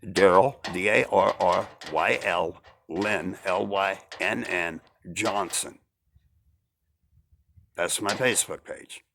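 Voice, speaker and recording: A man's voice: deep voice, slow pace, creaky, background noise. A man talking in a rambling casual monologue, repeating himself and asking rhetorical questions. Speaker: vlogger.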